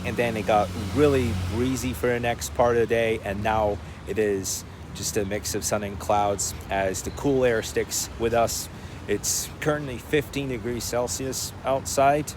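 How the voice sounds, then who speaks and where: A young adult man vlogging in a rambling, casual way, narrating whatever is in front of him. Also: lowish voice. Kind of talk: casual video diary chat. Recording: faint background ambient noise.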